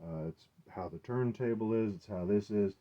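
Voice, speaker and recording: Here a hobbyist collector with a deep voice shows off his gear in a loose, unrehearsed way. He pauses and thinks out loud as he talks, captured on a muffled, dull-sounding recording.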